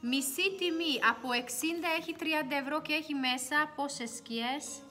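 A young woman with a slightly high voice hosts a casual makeup livestream from home, talking into her phone. She chats easily, reads viewer comments aloud and slips into soft mutters while she searches for things. Faint music plays behind her. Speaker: beauty livestream host.

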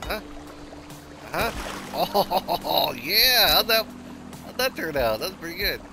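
A man's voice: sits high, very animated, slow, creaky, music in the background. A man playing a video game with a friend, teasing him and laughing a lot. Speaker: gamer. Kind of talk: gameplay chat.

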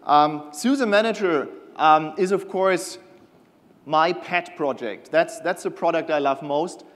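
A middle-aged man giving a conference keynote on a large stage, enthusiastic and a little halting with fillers. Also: a little high, a bit bright. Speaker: keynote presenter, product manager. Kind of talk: conference keynote with scripted banter. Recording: long hall reverb.

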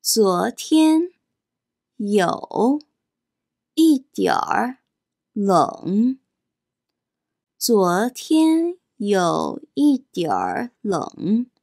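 Slow, drilling woman teaching words. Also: medium pitch, big pitch swings, creaky, darkish tone, dry recording, clean studio sound. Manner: says each word or syllable slowly, then repeats it. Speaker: Chinese teacher. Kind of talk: slow word-by-word pronunciation drill.

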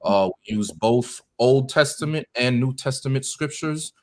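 A man's voice: mid-range voice, animated, a little slow, a little mellow. Earnest American man preaching with ums. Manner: earnest and direct, many ums and uhs. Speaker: deacon leading a Bible study. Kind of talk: preaching to guests in a meeting.

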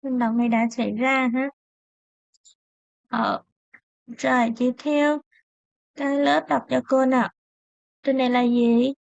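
A young woman teaches an online language lesson, patient and methodical. Her voice sits high with a gravelly edge. The sound is dry and a little dull. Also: steady tone, darkish tone, no room sound. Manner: patient, explains step by step, repeats words slowly.

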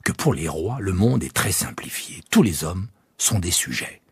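A man narrating a children's audiobook in an expressive, hushed way, often dropping near a whisper. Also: deep voice, normal speed, slightly rough, no echo, studio quality.

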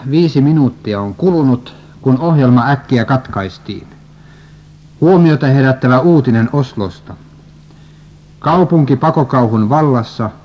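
A medium-pitched male reader steadily reads a religious prophecy story and scripture aloud at an even pace. The recording is dull and lo-fi.

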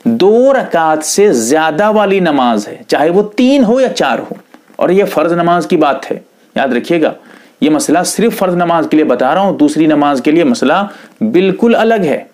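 A man's voice: fairly high pitch, big pitch swings, normal speed, a little mellow. Man explaining religious rulings emphatically. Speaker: Islamic scholar. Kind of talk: religious instruction lesson.

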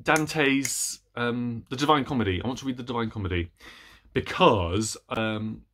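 Sitting in a small room with bookshelves, a male book vlogger in his thirties speaks casually to the camera in a mid-range, slightly bright voice. His pace is a little slow, and his talk is hesitant and wandering, with frequent unfinished sentences.

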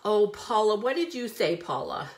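A woman's voice: mid-range voice, very animated, normal speed, noisy background. A woman hosting a live card-making stream, chatty and bubbly, greeting viewers by name as she works. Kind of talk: live crafting stream chat.

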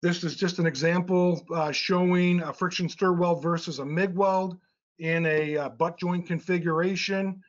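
A man's voice: high-pitched, steady tone, normal speed. A middle-aged man presenting technical slides in a webinar, explaining step by step with frequent uh and um fillers. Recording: slightly dull lo-fi webinar audio.

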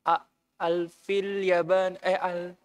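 A man's voice: high voice, level tone, takes it slowly, clear, resonant tone. A man, a student in an Arabic class, reading aloud hesitantly and restarting words.

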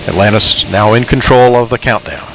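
Male launch commentator, lowish voice, measured formal announcing, clear background noise. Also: fairly even intonation, fairly bright tone, rough recording.

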